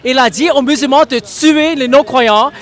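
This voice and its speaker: High-voiced man debating insistently. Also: moderate pace, a bit bright. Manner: insistent, keeps repeating "mon ami". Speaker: street evangelist. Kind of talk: street debate.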